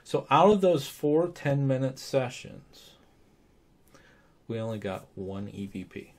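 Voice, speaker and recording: A man co-hosting a paranormal vlog in casual conversation, stretching words for emphasis in a halting way. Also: medium pitch, sing-song, a little mellow. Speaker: paranormal show co-host. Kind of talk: casual two-host vlog discussion.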